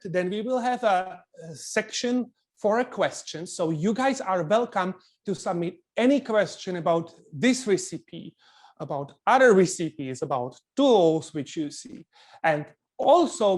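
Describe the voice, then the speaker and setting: A man from the Czech Republic with a Czech accent, a chef instructor presenting a live cooking webinar in earnest, loosely phrased non-native English with frequent restarts. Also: high-pitched.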